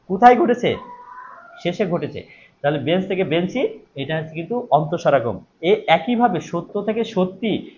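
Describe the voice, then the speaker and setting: Man, high voice, live online teacher, repeats questions and answers them, dull lo-fi sound, faint hiss. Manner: animated, stressing key words louder. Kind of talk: live online exam-prep class. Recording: dull lo-fi stream audio with faint noise.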